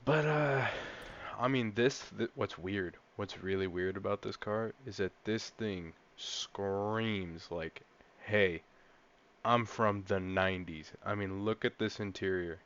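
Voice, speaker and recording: A young man with a fairly low voice gives casual gameplay commentary, rambling and getting excited as a car enthusiast. The recording is a bit dull and lo-fi, like a cheap mic. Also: measured pace. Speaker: gaming channel host.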